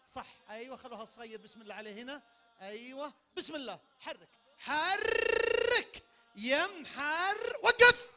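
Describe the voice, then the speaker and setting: Saudi man, event game host, handheld mic; very high, piercing voice, lively and commanding. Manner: energetic, barks sudden commands. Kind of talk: leading a party game for a crowd. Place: large event tent. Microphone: handheld microphone.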